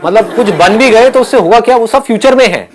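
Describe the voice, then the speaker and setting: A man leading a live motivational session for students, animated and playful, often asking the audience questions. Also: extremely high pitch, fairly quick, a little hiss or hum. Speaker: motivational speaker.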